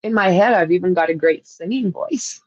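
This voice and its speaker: Chatting with live viewers in a loose, rambling way and laughing a lot, this Canadian-accented woman hosts a livestream. Her voice is on the low side, expressive and a little mellow, at a moderate pace, on a dry recording with dull audio.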